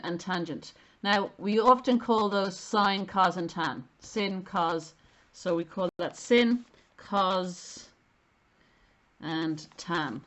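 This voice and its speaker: A middle-aged Irish woman with a slightly low voice teaches maths informally. She explains step by step, stressing key terms, with a self-deprecating touch. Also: a bit bright, dull audio. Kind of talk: informal spoken maths lesson.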